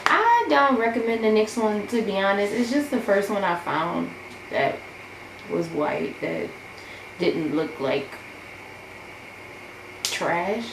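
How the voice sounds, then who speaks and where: A woman's voice: medium pitch, lively intonation, slow, pauses often. Young woman chatting while doing makeup, rambly, lots of fillers, echoey room with noise behind. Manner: chatty, self-deprecating, rambling with many fillers. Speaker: beauty vlogger. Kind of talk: casual get-ready-with-me chat.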